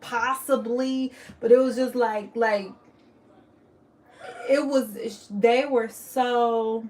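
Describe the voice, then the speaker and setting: A woman's voice: fairly high pitch, fairly even intonation, extremely slow, dark tone. A young woman telling a personal story on her vlog, emotional and candid, often restarting her sentences. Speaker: vlogger.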